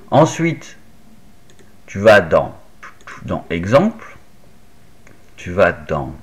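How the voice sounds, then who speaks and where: A man casually walking the viewer through a hands-on electronics tutorial, step by step, with little fillers like "hop" and "tac". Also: lowish voice. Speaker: maker explaining an Arduino project. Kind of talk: casual screen-recorded tutorial.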